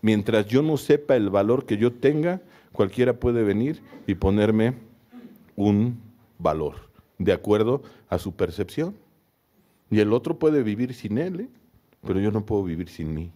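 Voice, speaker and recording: A Mexican man, a psychotherapist, giving an informal radio talk with slangy, lively storytelling and frequent checks for agreement. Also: fairly low pitch, measured pace. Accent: Mexican Spanish. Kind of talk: informal talk lecture on self-esteem.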